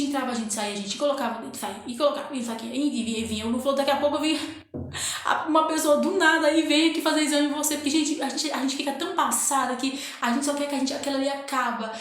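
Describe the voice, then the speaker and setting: A woman with a high voice recounts her story in a casual, emotional way, circling back over the same words and calling out to her viewers. The recording is full of room echo. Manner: emotional, repeats phrases, often addresses listeners as "gente". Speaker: new mother telling her birth story. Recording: very echoey room.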